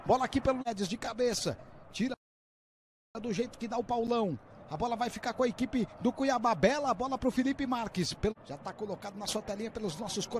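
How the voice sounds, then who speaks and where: A man's voice: very high voice, brisk. A Brazilian man giving live play-by-play commentary on a football match. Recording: faint stadium noise on broadcast.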